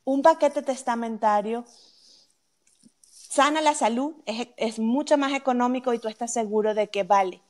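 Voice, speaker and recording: A woman with a slightly higher-pitched voice talks through legal questions in a methodical, explanatory way. She keeps checking that the listener is following with a quick "ok?". The tone is that of a live question-and-answer chat. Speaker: legal expert on wills.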